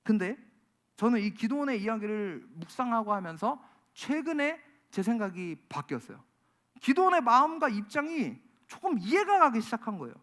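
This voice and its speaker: A man's voice: extremely high pitch, fairly bright tone. A man preaching a sermon in a church, firing off exasperated rhetorical questions. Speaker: pastor.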